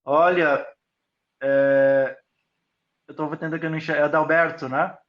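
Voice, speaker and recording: A man speaking over a video call on an online panel, slightly higher-pitched than most men. He explains his views thoughtfully, building his points with everyday examples. The sound is dull and lo-fi, like a streamed call. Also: level tone, normal speed. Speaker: school founder. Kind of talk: live online panel talk.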